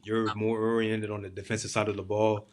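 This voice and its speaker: Casting: male sports show host, lowish pitch, loose conversational interview style with slangy wording. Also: flat delivery, brisk, darkish tone, slight background noise. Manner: informal slangy phrasing.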